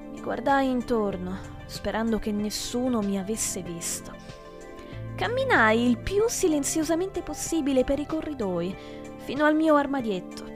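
A woman reading a children's book aloud with expressive storytelling, as the host of her own podcast. Her voice sits a little high, and gentle music plays faintly under the narration. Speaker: podcast reader.

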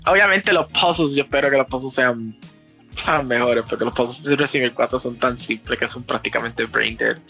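A man's voice: medium pitch, a little fast, gravelly, bright, forceful tone, soft background music, rough recording. A man chatting casually about video games, constantly mixing English phrases into his Spanish and swearing freely.

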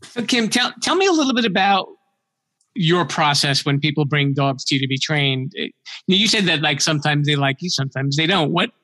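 Casting: male interview host, higher bright voice, halting questions, dry close sound. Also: animated, dry recording. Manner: halting, repeating words as he forms questions.

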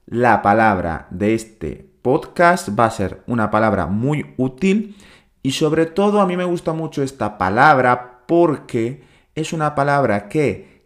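A man gives a podcast lesson at an unhurried, deliberate pace. He speaks patiently and says each sound again and again so listeners can follow. His voice sits at an ordinary middle pitch. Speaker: Arabic teacher.

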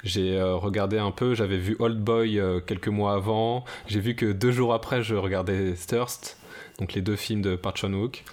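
A man's voice: lowish voice, fairly even intonation, normal speed, darkish tone. A man talking casually on a podcast, thoughtful and hesitant with many fillers. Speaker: podcast co-host. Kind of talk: casual discussion.

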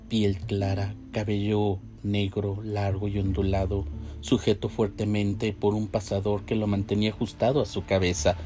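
Man reading a story aloud, low warm voice, steady pace, soft music in the background. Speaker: narrator. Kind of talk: storybook narration. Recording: faint music behind.

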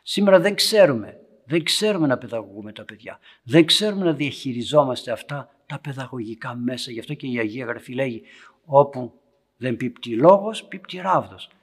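A man's voice: mid-range voice, expressive, husky. A man, an Orthodox priest, giving a storytelling homily to young parents in a church meeting room, his voice swelling and then dropping to near whispers.

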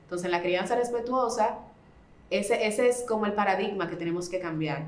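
A woman speaking as a parenting expert guest, explaining in a conversational way and acting out gentle talks with a child. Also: medium pitch, moderate pace. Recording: roomy echo.

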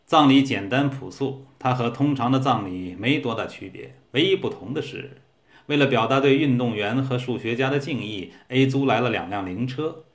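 Man reading a story aloud, measured. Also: mid-range voice. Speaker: narrator.

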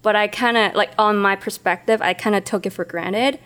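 Woman, smooth clear voice, reflective, hesitant storytelling. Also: mid-range voice, fairly even intonation, fairly quick, a bit bright. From Hong Kong. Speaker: podcast co-host. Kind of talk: casual podcast storytelling.

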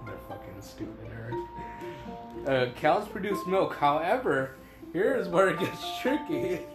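A man's voice: on the high side, sing-song, measured pace. A man co-hosting a casual podcast, reading posts aloud, swearing and laughing. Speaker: podcast co-host. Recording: echoey room with music.

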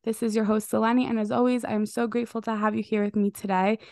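Her voice sits on the high side with a flat delivery, and she talks fast, with no room sound at all. This young adult podcast host is interviewing a guest, slightly nasal from being sick lately, yet warm, eager, and full of fillers.

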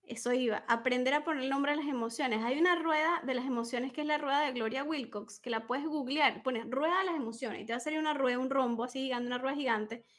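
A woman's voice: high-pitched, quick pace, hardly any pauses. A woman coach talking in an interview, explaining ideas patiently and acting out little examples of what a parent might say. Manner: warm, explanatory, acts out examples. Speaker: emotional wellness coach. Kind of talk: conversational interview.

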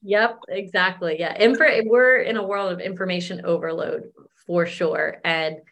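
A woman in her thirties, a wellness coach guest, explaining things in a relaxed, casual way with many fillers. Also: fairly low pitch, moderate pace, gravelly. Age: 30s. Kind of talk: casual interview chat.

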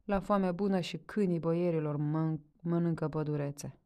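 A woman's voice: deep voice, warm tone. A woman reading a story aloud voices a stern middle-aged village mayor.

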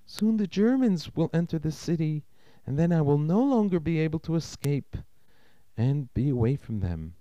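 A man's voice: fairly high pitch, big pitch swings, normal speed, mellow, no room sound, dull audio, voice pushed up. A man voicing a tender, pleading mother. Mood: urgent. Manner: tender, pleading, tearful urgency. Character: anxious, loving mother parting from her son.

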